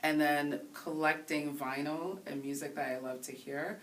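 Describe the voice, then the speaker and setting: Really deep-voiced woman dj from haiti, thoughtful, kinda far from the mic, bit of hiss. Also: steady tone. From Haiti, raised in the Bronx. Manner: thoughtful, earnest, pausing to find words. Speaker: interview guest. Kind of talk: casual interview. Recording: voice somewhat distant from the mic, faint hiss.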